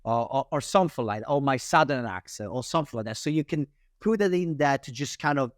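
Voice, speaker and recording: During a casual interview, a sales guest with an Italian accent explains his cold-calling tactics. He speaks quickly and animatedly, frequently restarting sentences, and his mid-pitched voice is close to the mic, dry and free of echo.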